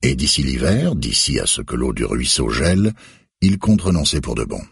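A man reading a novel aloud in measured, expressive scripted narration. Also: extremely low pitch, vocal fry, husky, dry recording, studio quality. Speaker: audiobook narrator.

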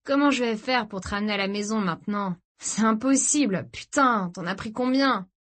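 A woman's voice: medium pitch, moderate pace, a bit bright, natural voice. A woman narrator voicing an exasperated young man scolding his sister, urgent and swearing.

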